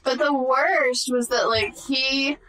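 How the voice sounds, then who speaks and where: Bright, animated young woman. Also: high-pitched, slow pace. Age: young adult. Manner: animated, laughing storyteller. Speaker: podcast co-host. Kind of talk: casual chat.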